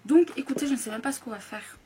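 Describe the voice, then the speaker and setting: A young woman chatting casually through a makeup tutorial at home, keeping her voice soft so she won't disturb anyone. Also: high-pitched, fast, background noise. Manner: chatty, talks softly so as not to disturb. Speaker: beauty YouTuber. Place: home room at a makeup table.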